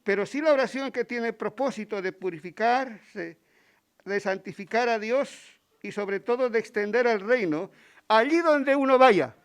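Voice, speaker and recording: A man's voice: very high voice, a little slow, clean tone. A man with a Spain Spanish accent preaching a Sunday sermon in church, stopping to ask the congregation rhetorical questions. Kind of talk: Sunday sermon with Bible readings.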